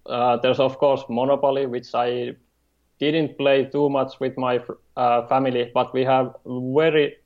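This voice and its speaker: A man from Finland with a Finnish accent, a game designer speaking as a guest in an interview, halting and hesitant, with many fillers. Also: mid-range voice, flat delivery, highs cut off. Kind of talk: remote interview.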